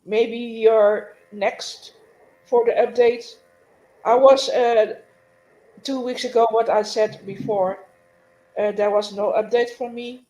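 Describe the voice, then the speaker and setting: Slow, hesitant woman on a call. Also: on the high side, steady tone, dark tone, highs cut off. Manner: hesitant, many fillers and restarts. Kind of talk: casual live-stream chat.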